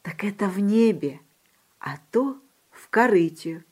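A woman voicing a small, eager young male kid goat in a children's storybook, with a high, excited, childlike voice. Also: a little slow, slightly rough.

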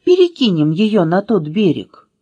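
A woman's voice: mid-range voice, sing-song, unhurried, mellow, slightly rough, no room sound, highs cut off. A woman voicing an eager, practical talking letter in a children's storybook, close to her own voice.

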